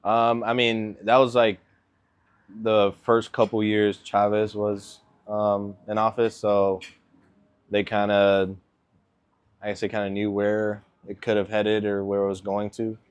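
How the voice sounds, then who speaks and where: Low voiced guy in his 20s, from venezuela, raised in miami, easygoing, lots of ums and likes. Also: completely flat delivery, measured pace, clear, resonant tone. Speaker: guest, NFL kicker. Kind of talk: casual interview answers.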